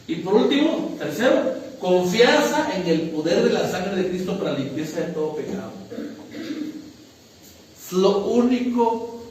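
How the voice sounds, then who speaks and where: A man's voice: high voice, darkish tone, a little hiss or hum. A man preaching a sermon, emphatic, often checking whether listeners follow. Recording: echoey room, distant mic.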